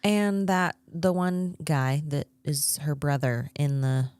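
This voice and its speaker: A woman's voice: low-pitched, takes it slowly, darkish tone, clear, resonant tone, no room sound. A woman in her late thirties co-hosting a podcast in easygoing, chatty conversation. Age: 30s. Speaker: podcast co-host. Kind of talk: casual chat.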